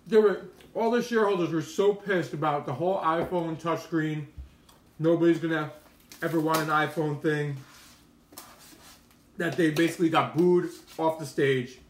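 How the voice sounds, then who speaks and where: A man's voice: a little high, fairly even intonation, moderate pace, slight background noise. A man chatting casually to viewers on a livestream, rambling and opinionated, telling stories with plenty of slang. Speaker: mukbang streamer. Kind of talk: casual rambling live-stream chat to viewers. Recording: roomy, echoey room sound.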